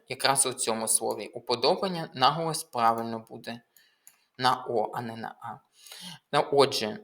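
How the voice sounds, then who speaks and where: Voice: mid-range voice, fairly bright tone. A language tutor working through exam questions in a methodical, step-by-step way, with frequent hesitations while explaining. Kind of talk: exam walkthrough lesson.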